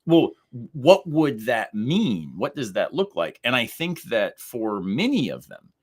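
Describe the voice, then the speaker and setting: A man's voice: medium pitch, big pitch swings, measured pace, a little mellow, breathy edge. A man co-hosting a podcast, talking through ideas in a thoughtful, casual way and laughing easily. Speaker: podcast co-host. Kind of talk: casual conversational discussion.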